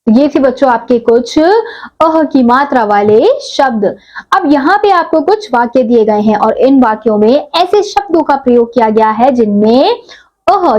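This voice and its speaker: A young woman teacher gives a slow, clear lesson to young children, sounding out each syllable carefully. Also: on the high side, darkish tone, muffled recording. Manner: sounds out syllables slowly and stretches each word.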